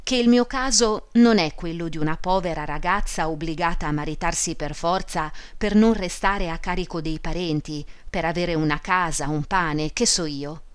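Proud young society lady, haughty and assured, read by a woman narrator; smooth, lowish voice. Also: moderate pace, few pauses, close to an everyday voice.

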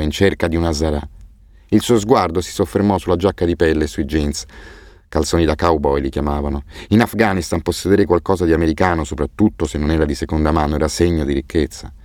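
Deep-voiced male audiobook narrator. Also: no room sound, clean studio sound. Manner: expressive, measured storytelling. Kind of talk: scripted narration.

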